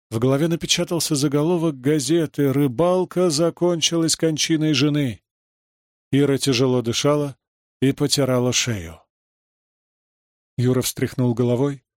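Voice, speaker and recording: A man reading a story aloud as narrator, in a measured, dramatic way. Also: medium pitch, dry recording, studio quality. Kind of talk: audiobook reading.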